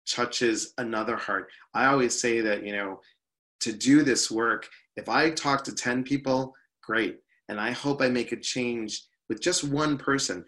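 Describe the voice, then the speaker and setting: A man's voice: medium pitch, a bit bright. A man speaking as an interview guest, an upbeat workshop leader who often says "you know".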